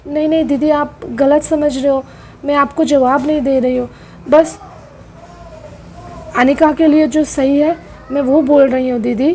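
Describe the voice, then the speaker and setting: A woman voicing a gentle middle-aged mother who pleads and keeps the peace in a doll-play soap drama. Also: high-pitched, steady tone, a little slow, pauses often, a little hiss or hum, poor audio.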